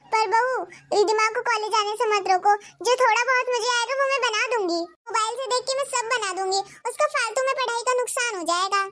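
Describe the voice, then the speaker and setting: A woman's voice: very high-pitched, brisk, hardly any pauses, sharp tone. A woman voicing a humble, caring mother-in-law in a Hindi cartoon, speaking mildly and pleading. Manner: mild, pleading.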